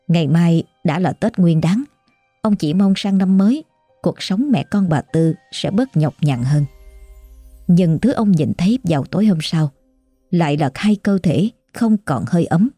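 A woman narrates a ghost story in a measured, somber way. Her voice sits low and mellow, the recording is dry and close, and faint music plays underneath. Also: slightly rough, no room sound.

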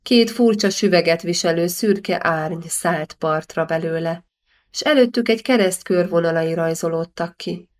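Woman narrating a historical novel. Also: fairly low pitch. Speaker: audiobook narrator. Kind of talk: scripted narration.

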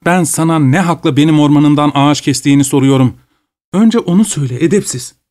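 A man's voice: a little high, quick pace, a little mellow, voice pushed up, lightly acted. A haughty noblewoman landowner, as a man puts her on in a storybook reading. She scolds in a raised, imperious voice, looking down on the peasant. Her lines come clipped and commanding. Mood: angry. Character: haughty, angry female estate owner.

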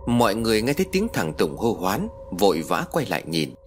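A man reading a horror story aloud in an expressive narrating style. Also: on the low side, brisk, faint music behind. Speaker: story reader.

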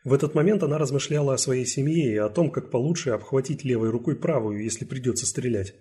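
A man reads a crime audiobook in a mellow, dark voice at a middle pitch. His narration is steady and even, carrying the action along without fuss. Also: fast talker. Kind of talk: scripted narration.

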